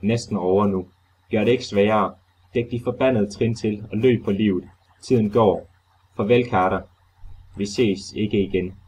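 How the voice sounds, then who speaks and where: A man's voice: fairly low pitch, fairly even intonation, darkish tone, husky. A man voicing a terrified man trapped in a crypt who frantically pleads with his friend to flee, talking with breathless urgency. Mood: desperate.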